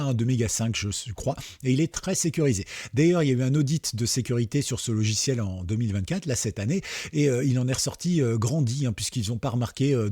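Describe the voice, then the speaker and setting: A man's voice: mid-range voice, warm tone, breathy edge, dry recording, studio quality. A man hosting a casual tech tutorial, chatty and joking, with many fillers and asides. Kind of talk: casual screen-recorded tutorial.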